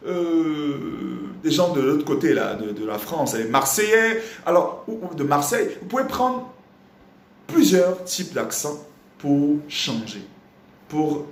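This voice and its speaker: A man from Congo teaching a singing lesson, explaining with lively repetition and breaking into sung examples. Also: on the high side, reverberant, a little hiss or hum. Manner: animated, repeats phrases while explaining. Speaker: vocal coach.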